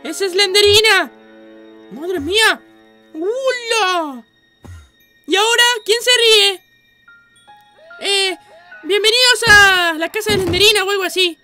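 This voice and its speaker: A woman hosting a video reaction, giving excitable commentary and often shouting and exclaiming at the screen. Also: very high-pitched.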